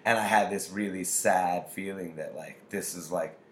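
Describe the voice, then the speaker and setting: Echoey, low-voiced guy. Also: normal speed, slight background noise. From Queens, New York City. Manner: rambling, slangy with casual swearing. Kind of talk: casual chat. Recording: echoey, roomy sound.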